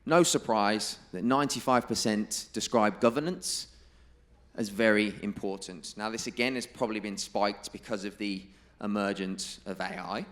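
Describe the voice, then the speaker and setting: A man giving a presentation to a live audience, emphatic and stressing key figures and quotes by repeating them slowly. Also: lowish voice, fairly bright tone. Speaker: conference presenter. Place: conference room.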